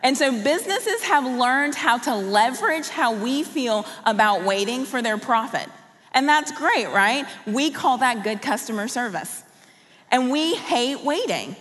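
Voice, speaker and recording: A woman's voice: high voice, expressive, a little slow, fairly bright tone, long reverb tail. A woman raised in Colombia giving a sermon as a guest speaker, talking in a personal, conversational way and asking the audience questions. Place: large church auditorium.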